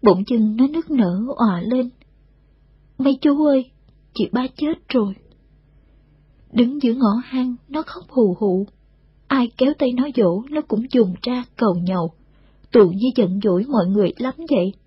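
A woman reading a story aloud in a steady, unhurried storytelling manner. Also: on the high side, breathy edge, dry recording. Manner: steady, unhurried storytelling, voices every character. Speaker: narrator. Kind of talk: scripted story narration. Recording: dull, dry lo-fi recording.

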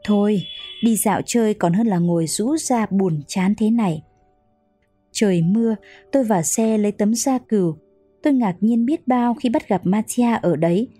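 A woman reading a novel aloud as narrator, in a calm, measured storytelling manner. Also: mid-range voice, slightly rough, no echo, faint music behind. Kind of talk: audiobook narration.

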